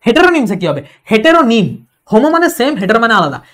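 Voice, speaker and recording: A woman gives an exam-prep English lecture, explaining patiently, repeating key points and reading example sentences slowly. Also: on the high side, sing-song. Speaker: English tutor.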